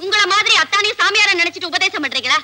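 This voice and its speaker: A woman's voice: very high voice, expressive, very fast, pushed and bright, slight background noise, heavily acted. An actress playing a pert young woman who teases and talks back coyly in a 1970s Tamil film. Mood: teasing. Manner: teasing, coy back-talk. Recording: film soundtrack with clear music.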